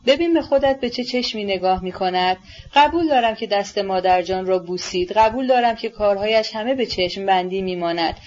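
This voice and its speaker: A woman's voice: mid-range voice, darkish tone, lightly acted. A woman voicing a spirited young woman who pleads with her brother in an agitated way, in a storybook reading on a dull recording. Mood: pleading.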